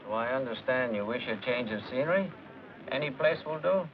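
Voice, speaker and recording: An actor playing a friendly ticket clerk in a 1950s film. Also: male voice, mid-range voice, expressive, brisk, natural voice. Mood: helpful. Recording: dull old soundtrack, distant voice, faint noise.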